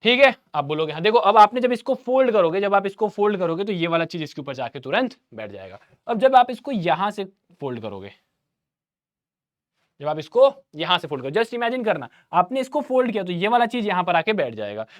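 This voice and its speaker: Upbeat male maths teacher, high bouncy voice, chatty with students. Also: a little fast. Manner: lively Hindi teacher, addresses students as bhaiya, voices their replies. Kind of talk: online revision class.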